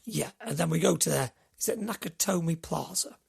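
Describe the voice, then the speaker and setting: Brief: middle-aged man, gravelly and raspy, high-pitched for a man, chatty podcast host who rambles. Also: normal speed, a little mellow. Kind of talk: casual chat.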